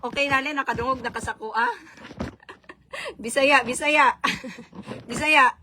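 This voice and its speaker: A chatty Filipina with a Visayan accent, talking casually on a phone live stream. Her voice sits a little high, and she laughs often. She slips freely between languages. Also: very animated, a little slow, pushed and bright, slight background noise. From Philippines. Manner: chatty, laughs often, mixes Tagalog, Cebuano and English.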